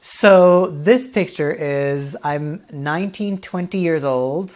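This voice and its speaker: A man, answering interview questions in a friendly, relaxed way, often laughing and pausing with fillers. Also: fairly high pitch. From Norway. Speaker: guest, dance artist.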